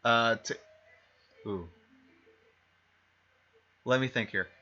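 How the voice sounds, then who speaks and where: A man's voice: medium pitch, drawn-out words, bright, forceful tone. A man narrating as game master, rambling and correcting himself as he goes. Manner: rambling, self-correcting, fillers and restarts. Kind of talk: narrating a tabletop game over stream. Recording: dull lo-fi stream mic.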